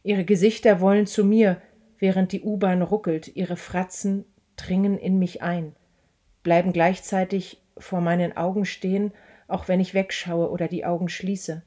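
Woman reader, warm low voice, intense scripted prose reading. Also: little pitch movement, normal speed. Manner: tense, intense first-person reading. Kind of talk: scripted reading of a literary passage.

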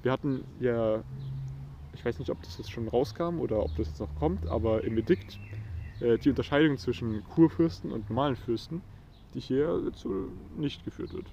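A man's voice: medium pitch, normal speed, vocal fry, dark tone, lo-fi sound, a little hiss or hum. A man in a casual study discussion, speaking thoughtfully, searching for words and repeating himself. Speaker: student discussing a historical document.

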